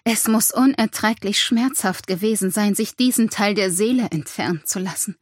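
A woman voicing a soft-spoken, awed young woman. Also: mid-range voice, moderate pace, no room sound, close to an everyday voice. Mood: hushed. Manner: soft, hushed.

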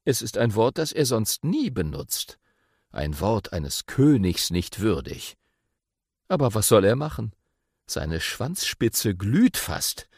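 Expressive male storybook narrator. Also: on the low side, slow, slightly rough, dry recording, clean studio sound. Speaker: audiobook narrator. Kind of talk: children's audiobook narration.

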